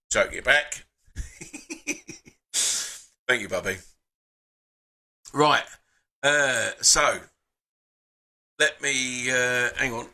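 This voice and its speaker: A man chats casually on his live stream with a very bright, forward voice and a middling pitch. He talks with frequent fillers and sighs as he reads out viewer comments.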